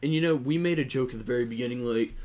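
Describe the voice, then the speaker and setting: A man's voice: medium pitch, rapid-fire, a little mellow. A young man and gaming YouTuber, ranting in a rambling, exasperated way about an online match. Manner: rambling and exasperated, with frequent restarts and swearing. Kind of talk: casual gaming rant to camera.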